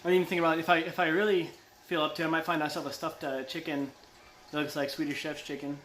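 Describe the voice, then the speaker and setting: A man with a fairly high-pitched voice chats casually as a livestreamer. He is playful and teasing, given to silly little bursts. The sound is very roomy, with some kitchen noise behind him. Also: flat delivery, fast, a bit bright. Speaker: live streamer cooking. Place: indoor kitchen. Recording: echoey room, background noise of cooking.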